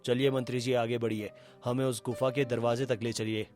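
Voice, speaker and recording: A man's voice: mid-range voice, level tone, fairly quick, darkish tone, lightly acted. Man playing a firm, commanding king. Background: background music.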